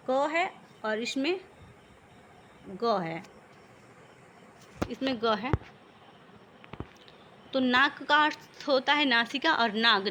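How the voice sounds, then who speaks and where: A woman's voice: high-pitched, sharp tone, a little hiss or hum. A woman teaching a vocabulary lesson, patiently explaining one word after another.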